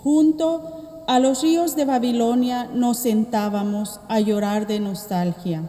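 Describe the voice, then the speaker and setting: Woman reading slowly in cathedral echo. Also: a little high, fairly even intonation, mellow. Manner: slow, measured reading. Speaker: lector at Mass. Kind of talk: liturgical scripture reading. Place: large church. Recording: echoey church with long reverb.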